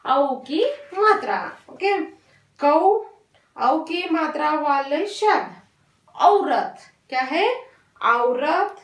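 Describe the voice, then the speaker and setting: A woman's voice: high-pitched, animated, very slow, a bit bright, recorded from a distance. A woman teaching a primary school Hindi class, patiently repeating and drilling words and mixing in English. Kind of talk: slow online class lesson. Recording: echoey room, voice off-mic.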